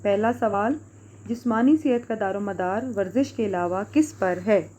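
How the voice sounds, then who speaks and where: A woman teacher with a Pakistani Urdu accent, giving a recorded lesson to young pupils, speaking clearly and patiently and spelling out words letter by letter. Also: medium pitch, dark tone.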